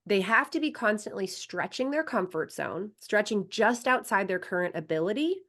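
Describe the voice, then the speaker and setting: A woman in her thirties, a coach talking on a podcast in a lively, chatty way and acting out the voices of people she quotes. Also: medium pitch, normal speed. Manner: animated storyteller, acts out quoted voices. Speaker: sports psychology coach, podcast guest. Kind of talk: casual podcast conversation.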